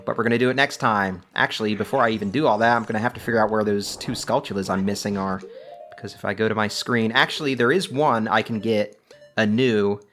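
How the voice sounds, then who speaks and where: A man's voice: on the low side, fairly bright tone. A man hosting a let's play, giving casual gameplay commentary with chatty, joking asides.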